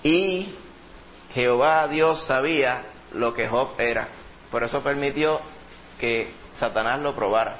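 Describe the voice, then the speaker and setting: A man's voice: medium pitch, measured pace, a bit bright, muffled recording, slight background noise. A man preaching a sermon in a church, emphatic, repeating words and calling listeners brother. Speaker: pastor.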